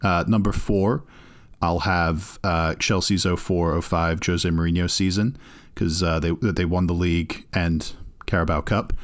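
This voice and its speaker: Brief: low male podcast co-host, opinionated, teasing, filler-heavy. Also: steady tone, unhurried. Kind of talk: casual sports chat.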